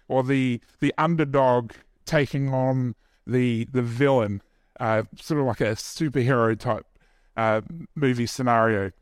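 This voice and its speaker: In a clean, dry studio recording, a medium-pitched man with a New Zealand accent preaches a relaxed sermon at a church service. He jokes about himself and keeps chatting with the congregation along the way.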